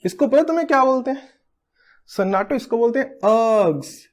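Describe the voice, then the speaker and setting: A man's voice: very high-pitched, animated, moderate pace. A man in his thirties giving a physics lecture, playful and teasing, joking about himself as he works through units. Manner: playful, teasing, self-mocking. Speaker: physics teacher. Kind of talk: recorded classroom lecture.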